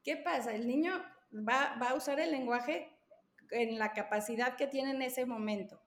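High-voiced therapist, echoey room. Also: female voice, moderate pace. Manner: patient, explains with examples. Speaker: language therapist guest. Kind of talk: explanatory podcast conversation. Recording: roomy echo.

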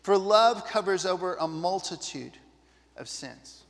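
A man preaches in a casual, earnest way, often turning to the congregation with asides. His voice sits high for a man. The sound carries the long reverb of a church hall. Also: expressive, unhurried, a bit bright. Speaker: pastor. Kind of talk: sermon.

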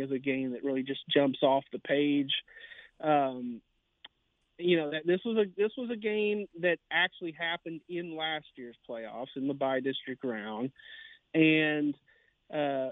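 Man, somewhat high voice, tinny phone line, casual sports talk, rambling with lots of "you know". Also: no room sound. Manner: rambling, heavy with fillers and restarts. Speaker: sports writer guest.

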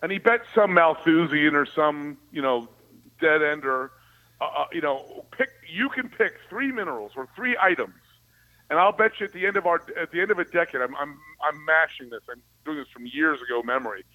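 A man's voice: on the high side, expressive, normal speed, sharp tone, rough recording. A man giving opinionated political talk as a commentator, with a sarcastic, conspiratorial ranting manner.

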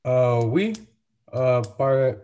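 Man, language student, video call, very slow, halting, hesitant. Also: mid-range voice, warm tone, smooth, muffled recording. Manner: halting with many fillers. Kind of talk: hesitant beginner practice.

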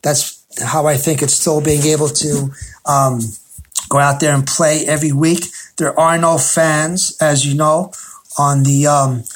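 Halting male sports radio host. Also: fairly high pitch, flat delivery. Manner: halting, hesitant delivery with frequent pauses. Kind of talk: loosely scripted sports talk commentary.

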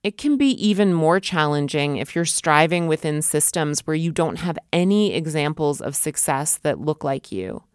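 A woman host delivering measured, scripted podcast narration. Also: low-pitched, expressive, smooth, no echo, clean studio sound.

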